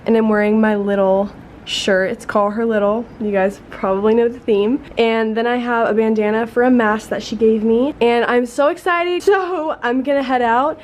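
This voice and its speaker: A young woman chatting casually to a vlog camera in a bubbly, excitable sorority-girl way, like a college student. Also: a little high, moderate pace, slight background noise. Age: young adult. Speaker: college vlogger, sorority member.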